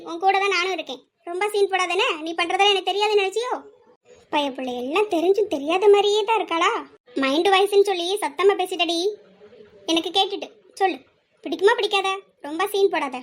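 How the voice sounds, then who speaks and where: This is a pushy, teasing schoolgirl from an amateur audio drama, voiced by a woman. The voice sits very high, and she nags her friend with one question after another. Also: fast talker.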